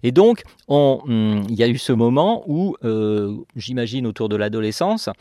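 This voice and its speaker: A man's voice: mid-range voice, very animated, normal speed, warm tone, dry recording. Dry-sounding male radio interviewer. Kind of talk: conversational jazz radio interview.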